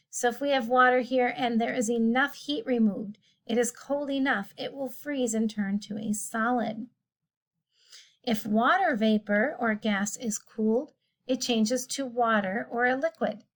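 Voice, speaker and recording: A woman's voice: fairly high pitch, fairly bright tone. A woman teacher casually explaining a science lesson, often rephrasing as she goes. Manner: casual, explanatory, self-correcting.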